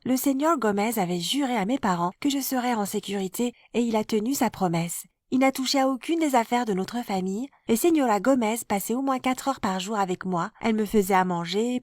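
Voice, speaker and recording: A woman of middle pitch tells a first-person story in a steady, scripted narration. Her voice is close to the mic and completely dry, with no room around it. The delivery stays even and measured, like a storybook reading. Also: dry recording. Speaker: narrator of an animated life story.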